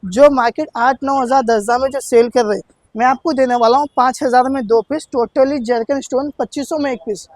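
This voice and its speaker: High-pitched man giving an eager teleshopping pitch. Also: steady tone, fairly quick, no echo. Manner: insistent, repetitive, hard-selling. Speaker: shop seller presenting sale offers.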